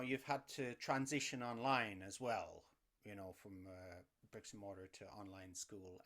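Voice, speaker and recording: A man's voice: medium pitch, a bit bright. A man hosting a casual group discussion, speaking in a hesitant, rambling, apologetic way as he introduces people. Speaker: host and moderator. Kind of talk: casual online panel moderation.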